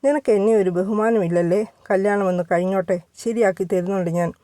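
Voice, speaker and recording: Woman reading young man, teasing lover, self-assured, mellow, dry close sound. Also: mid-range voice, brisk, no echo, lightly acted.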